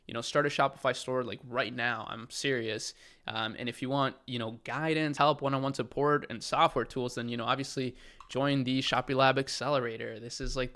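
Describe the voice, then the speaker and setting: Speaking straight to camera in a relaxed way, this young man from Chile runs an e-commerce channel. He has a mid-range voice with a sharp tone, and his enthusiastic, upbeat delivery is packed with fillers.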